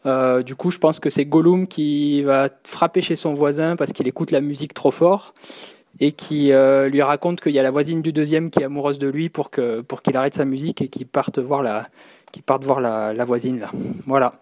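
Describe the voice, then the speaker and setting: A man's voice: medium pitch, steady tone, moderate pace, a little mellow, dry recording, clean studio sound. A man leaving a recorded voice message for a podcast, chatty and hesitant, full of fillers. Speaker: listener caller.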